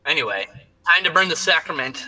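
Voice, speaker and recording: A man co-hosts a weekly geek chat show, his voice a little high with big pitch swings, slightly fast, bright and forceful. He talks casually and jokily in a group setting, swearing freely while explaining things. The audio quality is poor.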